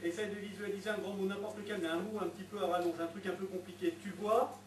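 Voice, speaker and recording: A man's voice: high-pitched, steady tone, fast, far from the mic, a little hiss or hum. A man performing a mentalist act on a theatre stage, coaxing and teasing spectators with playful patter. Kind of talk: live stage patter with audience. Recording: echoey theatre recorded from afar.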